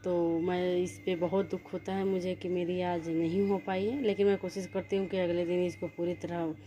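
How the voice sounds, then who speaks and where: A woman's voice: lowish voice, level tone, moderate pace, dark tone. A young woman with a Bihari Hindi accent, chatting casually in a study vlog about her exam preparation, rambling and correcting herself as she goes. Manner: rambling, self-correcting, earnest. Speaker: vlogger studying for a teacher exam.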